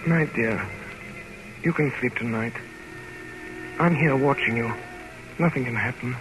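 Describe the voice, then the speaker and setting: An actor playing an earnest, sombre gentleman diarist, measured and dramatic, in 1930s radio narration style. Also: mid-range voice, over music, close to an everyday voice. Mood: soothing. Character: earnest, sombre gentleman reading from his private journal. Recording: noisy 1930s radio recording.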